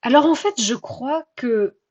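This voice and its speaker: A woman hosting a personal podcast, telling her own story in a chatty, self-mocking and expressive way. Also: high voice, unhurried, dull audio. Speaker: podcast host.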